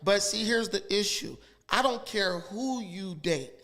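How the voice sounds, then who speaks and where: A man's voice: high-pitched, animated, unhurried, a bit bright. A man guest on a podcast, talking in a blunt, crude and insistent way. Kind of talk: heated casual talk.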